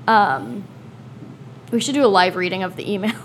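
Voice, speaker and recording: A woman guesting on a podcast in casual chat, playful and quick to laugh. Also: medium pitch, animated, a little hiss or hum. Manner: playful, giggly.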